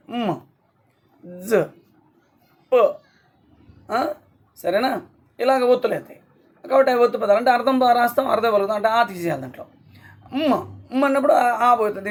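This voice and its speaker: High-voiced man teaching syllables slowly. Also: animated. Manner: slow syllable-by-syllable explaining, frequent checks. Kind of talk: online class lesson.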